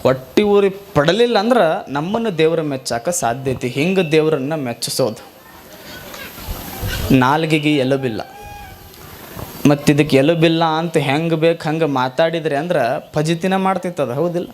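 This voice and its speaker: A male spiritual teacher with a North Karnataka Kannada accent, giving a sermon full of animated storytelling and rhetorical questions. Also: fairly high pitch, moderate pace.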